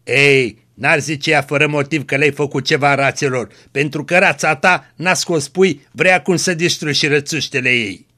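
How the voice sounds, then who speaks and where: A man voicing a gruff, proud old male miller in a read-aloud story, speaking sternly. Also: fairly high pitch, steady tone, few pauses, sharp tone. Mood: angry. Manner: stern, scolding.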